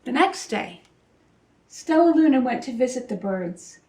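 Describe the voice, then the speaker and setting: Slow, high-voiced woman reading a storybook. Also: big pitch swings, a little mellow. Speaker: storybook reader. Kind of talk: children's story narration. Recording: echoey room, distant microphone.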